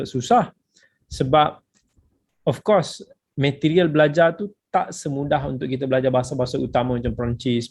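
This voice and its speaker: A man with a Malaysian accent teaches from a religious book in an unhurried lecture. His voice has a steady gravelly edge at an ordinary male pitch. He explains things patiently and often mixes English phrases into his sentences.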